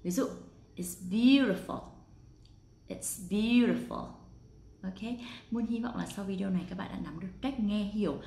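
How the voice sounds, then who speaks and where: A woman teaching English pronunciation, slowly drawing out the model words and short phrases she pronounces. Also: medium pitch, gravelly, dark tone, echoey room. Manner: slow, drawn-out model pronunciations. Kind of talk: pronunciation lesson.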